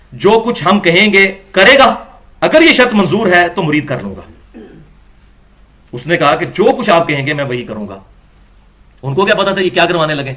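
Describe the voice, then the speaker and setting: Man, argumentative religious lecture, high voice, reads passages and recites scripture slowly. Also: sharp tone. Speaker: religious scholar. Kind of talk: religious lecture, reading and explaining texts.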